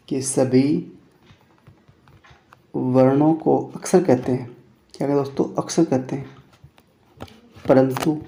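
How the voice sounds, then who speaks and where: Patient Hindi teacher, gravelly voice, echoey room. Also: male voice, on the high side, warm tone. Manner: repeats phrases, addresses listeners as friends. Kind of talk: classroom lesson.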